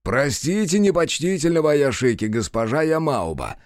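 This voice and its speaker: A man's voice: a little high, sing-song, normal speed, dry recording, clean studio sound, pitched above the performer's own voice. A man voicing a fat, fawning character who apologizes and explains himself in a cheerful, obsequious rush of words. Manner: obsequious, bowing and effusive.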